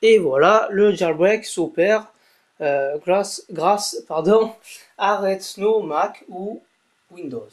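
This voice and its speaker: A man's voice: sits high, slow pace. A young man giving a casual spoken tech tutorial, chatty, with many fillers and self-corrections. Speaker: tech video blogger. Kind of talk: casual screen-recorded tutorial.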